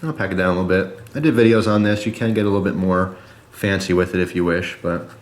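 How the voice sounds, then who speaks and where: A man's voice: sits low, fast, reverberant, a little hiss or hum. A man chatting casually and informally to viewers, explaining step by step as he demonstrates a product in a review video.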